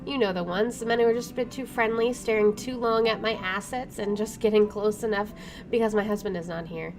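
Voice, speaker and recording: Reading game dialogue aloud during a let's play, a woman streamer talks fairly quickly at a medium pitch. She interrupts herself as she goes and sprinkles in wry, casual asides. Her microphone is placed to the side, and game music plays behind her.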